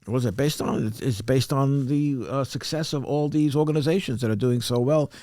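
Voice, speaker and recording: A man co-hosting a podcast in hesitant, casual chat, full of stops and restarts, with a wry edge. His voice sits at an ordinary middle pitch. The sound is dry and close. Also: brisk, warm tone, no room sound. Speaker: podcast co-host.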